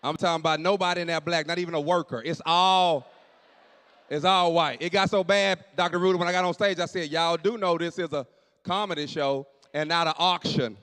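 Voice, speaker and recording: A man in his late forties doing animated stand-up storytelling on stage, dropping to low asides and jumping up for punchlines. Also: brisk, smooth. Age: 40s. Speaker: stand-up comedian. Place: church hall on stage. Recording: long hall reverb.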